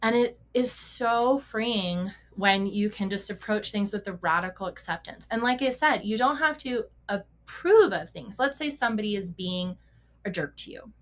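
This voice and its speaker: A woman's voice: mid-range voice, animated, moderate pace, a bit bright. A middle-aged woman hosting a podcast as a mental performance coach for riders, talking casually, asking rhetorical questions, correcting herself and laughing often. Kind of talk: casual solo podcast talk.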